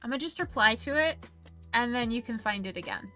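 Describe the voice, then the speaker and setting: A woman streamer chats casually on a livestream and reads viewer comments aloud with easy giggles. Her voice is bright and sits a little high, and she takes her time. Faint music plays underneath. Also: animated, brisk. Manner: chatty and giggly, reading viewer messages aloud.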